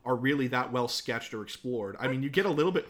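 A man's voice: medium pitch, quick pace. A man co-hosting a casual film podcast, enthusiastic and opinionated about the movies he discusses. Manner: enthusiastic, opinionated, lively, fond of film trivia.

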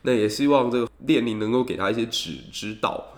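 A man's voice: medium pitch, fast. A man, a professor hosting his own channel, talking casually and retelling jokes with voiced quotes. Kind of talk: casual commentary and joke-telling.

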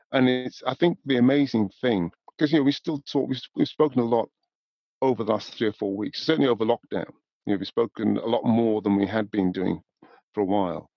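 Here a Newcastle-born man in his seventies from northern England, a music industry professional, reflects as a guest in a podcast interview. His voice sits on the low side, and the recording is dry and dull with no room sound. He comes across measured and thoughtful, leaning often on "you know".

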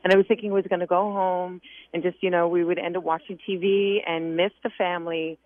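A woman's voice: fairly low pitch, little pitch movement, fairly quick. A woman calling in to a radio show, telling a personal story, emotional and choked up at times. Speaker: caller. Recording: tinny phone line, dry.

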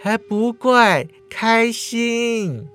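A man voicing a lively, flustered young swordswoman in a storytelling podcast, in a raised whiny voice. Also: drawn-out words, soft background music, full character voice. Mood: cheerful. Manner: bubbly, whiny, high-pitched.

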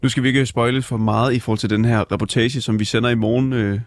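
A man's voice: mid-range voice, steady tone, no room sound, clean studio sound. A male radio host chatting casually with a guest, with many hesitations.

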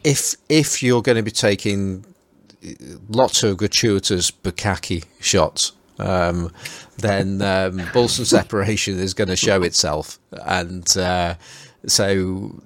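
A man's voice: deep voice, fairly even intonation, slow, dry recording. A man with a Stoke accent in a casual chat, speaking hesitantly and qualifying what he says. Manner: hesitant, qualifying his statements. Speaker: panelist discussing vintage lenses.

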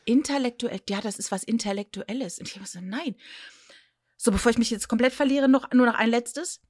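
A woman's voice: on the high side, brisk, breathy edge, dry recording, studio quality. Pedantic woman spelling out words. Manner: self-deprecating and animated when explaining. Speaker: podcast co-host. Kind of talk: casual chat.

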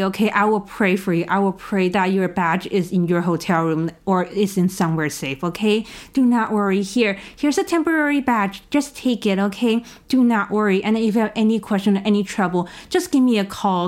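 A woman's voice: medium pitch, a little mellow, natural voice. A woman voicing a caring Southern security guard who soothes and reassures over and over.

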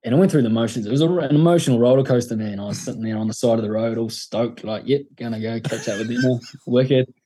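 A man's voice: medium pitch, quick pace, mellow, slight background noise. A man with a broad New Zealand accent telling stories in casual, laid-back, slangy and sweary chat as a podcast guest.

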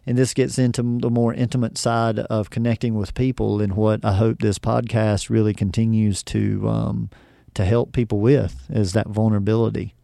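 This podcast guest, a teacher, talks casually and reflectively, using many fillers and reenacting remembered dialogue. He has a lowish, dark voice with vocal fry and little pitch movement, speaking at a moderate pace in a studio-quality recording without echo.

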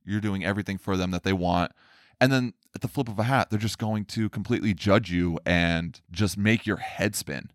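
Deep-voiced man talking earnestly. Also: moderate pace, no echo, clean studio sound. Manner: earnest, mimics others in a higher voice. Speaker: speaker on men's emotional health. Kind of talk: casual monologue.

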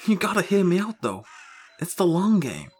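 A man playing a broke farmer husband in an audio story, excitable and rambling, full of grandiose schemes. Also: high-pitched, moderate pace, soft background music. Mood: excited, insistent.

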